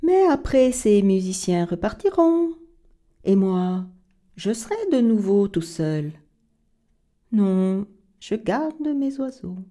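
A woman voicing a lonely singing tree in a storybook, speaking slowly and wistfully. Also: medium pitch, very animated, dark tone.

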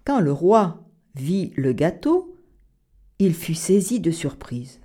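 Woman children's storyteller; expressive, unhurried, warm dark tone. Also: on the low side. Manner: expressive, sing-song, dramatic.

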